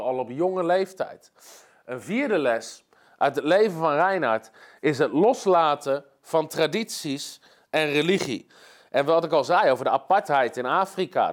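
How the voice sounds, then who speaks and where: Animated man preaching. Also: high-pitched. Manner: storytelling with emphatic repetition. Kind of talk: sermon.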